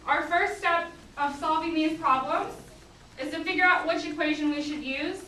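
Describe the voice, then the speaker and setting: A woman's voice: high-pitched, normal speed. A woman speaking as a teacher to her class, firm and directive, checking that students respond. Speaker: geometry teacher. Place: indoor classroom. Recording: echoey classroom, distant mic, faint noise.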